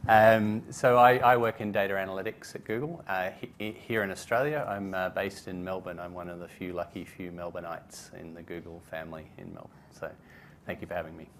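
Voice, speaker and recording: A man's voice: sits low, steady tone, fairly quick, background noise. A man giving an informal self-introduction as a panelist at a live event. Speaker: panelist, data analytics worker. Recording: live event with loud audience sound. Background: audience crowd sound.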